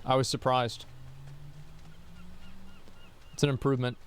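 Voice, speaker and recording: A young man streams a game from home, chatting casually with viewers and answering their questions in a blunt, rambling way. His mid-range voice is level in tone and a little slow, with slight background noise.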